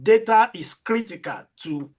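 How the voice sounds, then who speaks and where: A man's voice: high-pitched, expressive, measured pace, darkish tone. A man speaking as a conference presenter, formal and academic, with a very polite, deferential manner.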